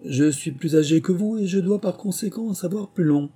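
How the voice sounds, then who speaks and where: A man doing a sulky high-voiced parrot. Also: a little fast, warm tone, breathy edge. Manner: sulky, huffy. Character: sulky, proud old male lory parrot.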